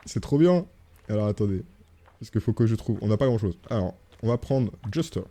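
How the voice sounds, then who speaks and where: Mellow-voiced French gaming streamer. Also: male voice, on the low side, brisk. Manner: chatty, reads game text aloud, jokes. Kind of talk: gaming livestream commentary.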